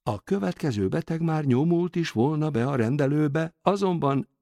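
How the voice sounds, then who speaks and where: A man narrating an audiobook in an expressive, scripted way on a close studio mic. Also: a little high, no echo. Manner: expressive, varied intonation.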